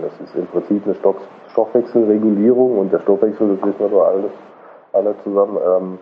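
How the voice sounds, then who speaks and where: A man speaking as a physiotherapist guest in an interview, explaining calmly with many fillers, heard on an old low-quality recording. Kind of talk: conversational interview. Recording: muffled phone-like old recording with faint noise.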